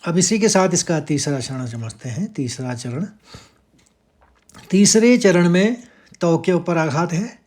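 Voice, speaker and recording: A man teaching how to pronounce a Sanskrit verse, breaking words into sounds and chanting each line slowly. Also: a little high, lively intonation. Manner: explains syllable by syllable, chants verses slowly and louder. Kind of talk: slow pronunciation lesson with chanted verse.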